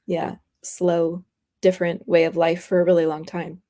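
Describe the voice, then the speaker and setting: A woman's voice: on the low side, little pitch movement, normal speed, warm tone. A young woman guest chatting casually in an interview, rambling with frequent laughs. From United States, raised partly in France. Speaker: interview guest, graphic artist.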